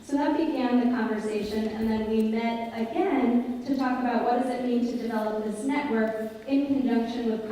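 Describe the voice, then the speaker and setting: A young woman moderates a congregation Q&A in a large synagogue sanctuary, earnestly explaining things off the cuff with many ums into a handheld mic. Her voice is a little high and mellow with slight hiss or hum, captured by a distant camera in an echoey hall.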